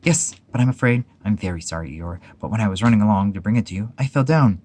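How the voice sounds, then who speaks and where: A man voicing Piglet, a small timid young male piglet in a storybook reading, with a fretful, squeaky manner. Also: quick pace, darkish tone, a little hiss or hum, close to an everyday voice. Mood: distressed.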